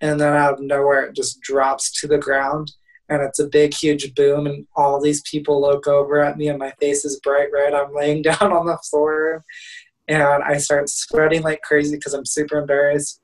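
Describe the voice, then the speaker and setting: A man's voice: a little high, monotone, moderate pace. Give me a young man telling an amusing story with laughs, heard from a distance. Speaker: guest, motivational speaker. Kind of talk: casual storytelling.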